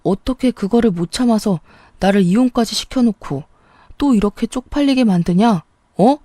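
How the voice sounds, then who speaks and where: A woman's voice: on the high side, moderate pace, dark tone, no echo, clean studio sound, lightly acted. A woman voicing a young husband who pleads through tears, in a narrated drama story. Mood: anguished. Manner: pleading, tearful.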